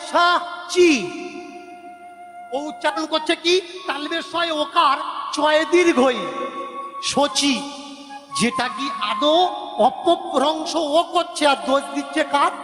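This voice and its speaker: A religious preacher with a Bengali accent delivers a devotional sermon in a very high voice that echoes as if in a big room. He argues his points and emphatically corrects how words are pronounced.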